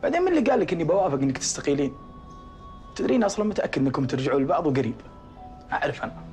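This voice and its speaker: A coaxing boss. His speech races along, and his pitch swings widely as he reassures a colleague. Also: sing-song, very fast, darkish tone, soft background music. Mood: reassuring. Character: man, soothing boss calming an upset employee. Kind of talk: TV drama acting.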